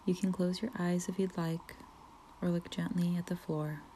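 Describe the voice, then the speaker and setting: A woman leading a guided relaxation meditation, speaking softly with frequent whispered phrases and long pauses. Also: fairly low pitch, level tone, slight background noise. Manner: slow, soft, partly whispered, soothing pauses.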